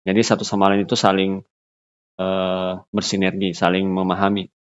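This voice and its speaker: Low-voiced man giving a lecture. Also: completely flat delivery, smooth, lo-fi sound. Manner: unscripted, halting with fillers and restarts. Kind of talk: recorded lecture.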